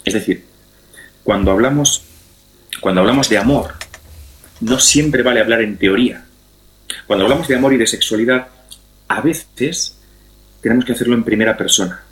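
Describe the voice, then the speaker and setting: A middle-aged Spanish man with a medium-pitched, slightly bright voice speaks at a moderate pace with long pauses. He is a guest speaker on family and sex education, explaining conversationally in an interview and repeating phrases didactically for emphasis. The echoey room adds a roomy sound, along with a little hiss or hum.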